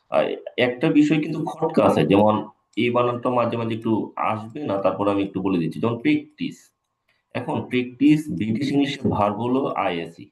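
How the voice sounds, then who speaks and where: A man's voice: mid-range voice, a little mellow. A man, an English teacher, giving a live exam-prep lecture, repeating key points and checking in with his students. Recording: echoey room.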